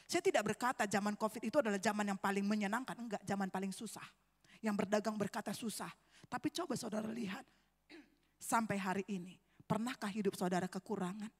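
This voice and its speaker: A woman preacher giving an animated sermon in a church, switching between loud exclamations and quiet, low asides while often addressing the congregation. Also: fast. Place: church sanctuary. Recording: reverberant church hall.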